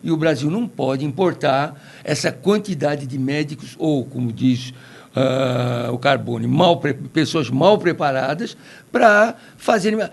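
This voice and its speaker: A man's voice: fairly high pitch, measured pace, creaky. A Brazilian man on a podcast panel, giving opinionated commentary and telling anecdotes at length. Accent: Brazilian Portuguese. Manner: opinionated, tells anecdotes, digressive.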